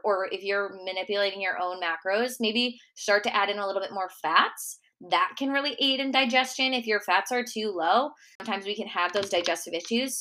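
A woman's voice: mid-range voice, sharp tone. A young woman with a Minnesota accent hosting a solo Q&A podcast, chatty and full of "like" fillers. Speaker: podcast host and nutrition coach.

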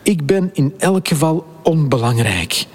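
A man voicing a gloomy small cricket who thinks to himself in a hushed, musing way, with a husky voice. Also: on the high side, animated, unhurried, in a large hall, voice pushed up. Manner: hushed, musing inner thoughts. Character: gloomy small male cricket, quiet and lost.

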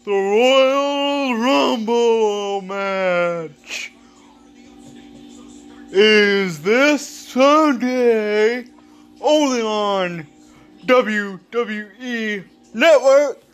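Man delivering slow, dramatic hype announcements. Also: high-pitched, smooth, soft background music. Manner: theatrical drawn-out delivery with raised voice. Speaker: wrestling podcast host.

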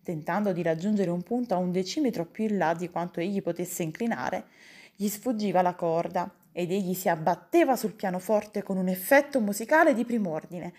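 A woman's voice: lowish voice, brisk, a little mellow. Woman reading a comic story aloud. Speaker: audiobook reader. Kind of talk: narrating a humorous novel.

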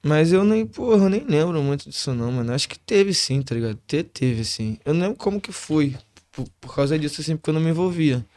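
Male interview guest, Rio accent, slangy street talk, rapid delivery. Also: a little high, expressive, a little mellow. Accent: Rio de Janeiro. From Rio de Janeiro, Brazil. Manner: slangy, constant tag phrases. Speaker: interview guest, hip hop musician.

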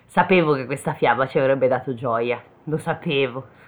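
A woman's voice: rumbling low, animated, a little slow, fairly bright tone. A woman co-hosting a podcast, making blunt, sarcastic, swearing comments in casual chat. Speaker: podcast co-host. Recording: tinny phone-like line.

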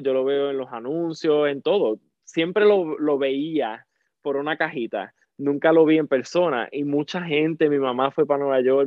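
A man with a Puerto Rican accent, a podcast guest telling a personal story in a casual, animated way and repeating words for emphasis. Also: mid-range voice, dry recording. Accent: Puerto Rican Spanish. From Puerto Rico. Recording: dry, phone-like narrow sound.

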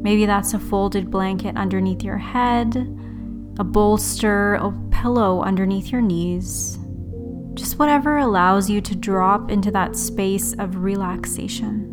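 A woman leading a guided relaxation meditation in a soothing, unhurried sleep-story manner, leaving long pauses. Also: mid-range voice, fairly even intonation. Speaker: yoga and meditation teacher, host. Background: background music.

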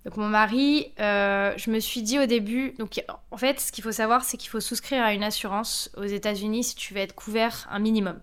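A woman in her thirties speaks as a podcast guest, chatting in a lively way and pausing often with hesitations. Her voice is smooth and clear, pitched in a middle range for a woman. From France. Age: 30s. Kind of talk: casual interview storytelling.

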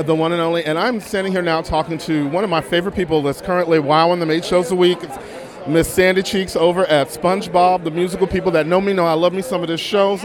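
An American man in his fifties hosting with gushing red carpet chatter, effusive, sassy and full of familiar endearments. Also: on the high side. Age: 50s. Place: outdoor red carpet event. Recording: busy outdoor crowd and street noise. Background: crowd chatter, urban noise.

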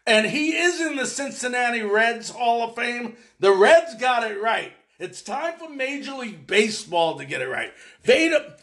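Excited high-voiced man ranting about baseball. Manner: fast, excited, emphatic, talks straight to viewers. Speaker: baseball commentator. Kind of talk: excited opinion monologue to viewers.

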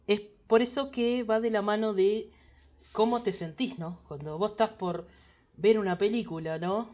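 A man's voice: high-pitched, normal speed, a little mellow, highs cut off. A man with a Uruguayan Spanish accent, hosting his own podcast in a casual, rambling solo monologue, often tagging his sentences with little questions. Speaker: podcast host.

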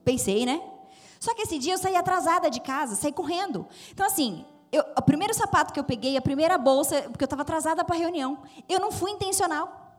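A woman's voice: high-pitched, animated, quick pace, faint music behind. A middle-aged woman from Brazil, speaking as a guest at a women's church event, telling a personal story and acting out the dialogue. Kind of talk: storytelling sermon talk.

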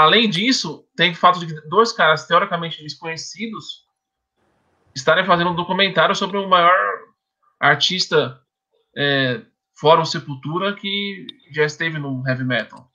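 A documentary filmmaker explains his project earnestly and in detail. His voice is bright and forceful, and a little raised in pitch. The recording sounds dull and muffled. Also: measured pace. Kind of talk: casual explanatory talk.

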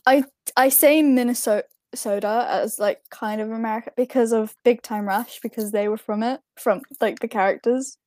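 A woman's voice: fairly high pitch, normal speed, darkish tone, no room sound, clean studio sound. A young British woman co-hosting a casual podcast chat, giggling and breaking off mid-word. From Britain. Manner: giggly, trails off and restarts words. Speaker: podcast co-host.

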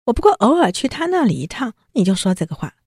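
A woman's voice: fairly high pitch, sing-song, fast talker, a little mellow, husky, no echo, studio quality, voice pushed up. A woman voicing a young man who earnestly pleads and placates. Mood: pleading.

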